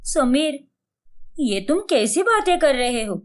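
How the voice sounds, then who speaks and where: A woman's voice: high voice, sing-song, slow pace, full character voice. A woman voicing a young wife in a cartoon story who answers her husband sharply. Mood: defiant. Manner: retorting sharply.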